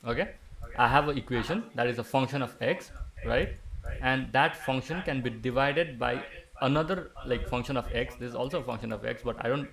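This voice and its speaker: A young man leads an online maths lesson, his mid-pitched voice carrying a gravelly edge. He explains step by step and keeps pausing to check that everyone is following. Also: fairly bright tone. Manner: patient, explanatory, checks in with students often. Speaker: maths teacher. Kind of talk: online class lecture.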